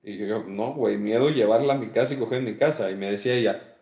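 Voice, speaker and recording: A man's voice: fairly low pitch, quick pace, creaky, a little mellow. A young man with a Mexican Spanish accent co-hosting a podcast, telling stories in a laid-back way and laughing often. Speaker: podcast co-host. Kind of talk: casual chat. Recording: echoey room.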